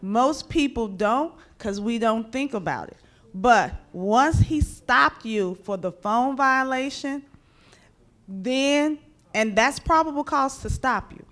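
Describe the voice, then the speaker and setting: A woman's voice: a little high, animated, slow, a bit bright. A woman judge and former public defender, explaining traffic law to a community audience in a plain, direct way. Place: community meeting room.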